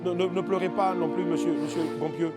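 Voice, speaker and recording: A man's voice: a little high, steady tone, brisk. A man hosting a comedy talk show, exclaiming and playing mock-solemn. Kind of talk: comic studio hosting. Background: music.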